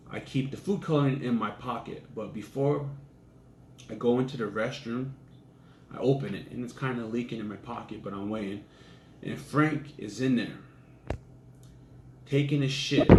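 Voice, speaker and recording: A young man casually telling a crude personal anecdote in a laid-back, profane way. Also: mid-range voice. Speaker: storyteller. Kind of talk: casual storytelling. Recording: echoey room with faint ambient noise.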